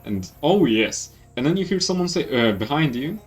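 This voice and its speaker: A man's voice: a little high, sing-song, normal speed. A man from Poland with a Polish accent, reading game text aloud in a let's play, stumbling and correcting himself. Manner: reads with stumbles and self-corrections. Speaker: gaming YouTuber. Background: faint game music.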